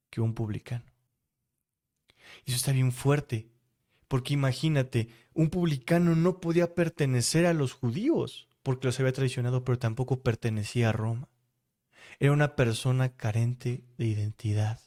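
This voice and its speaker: A man's voice: medium pitch, darkish tone. A man with a Mexican Spanish accent gives a devotional sermon in a mid-range voice. He talks straight to the listener and keeps asking them rhetorical questions. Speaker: preacher.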